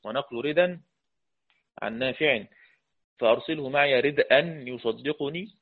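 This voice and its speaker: An Egyptian man gives a recitation lesson in a loose, chatty way, stopping to quiz his students. His voice sits in a middle pitch range. The sound is thin and phone-like, as if from an old line. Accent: Egyptian Arabic. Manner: conversational, asks the class questions, chants verses slowly. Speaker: Quran recitation teacher. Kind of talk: explanatory lecture with chanted verse quotes. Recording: tinny phone-like audio.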